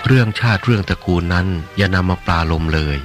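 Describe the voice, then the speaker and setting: A man voicing a calm, gentle monk. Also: low voice, over music, lightly acted. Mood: gently admonishing. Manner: measured, gently admonishing. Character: calm male monk, gentle and firm teacher. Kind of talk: audiobook reading of a religious novel.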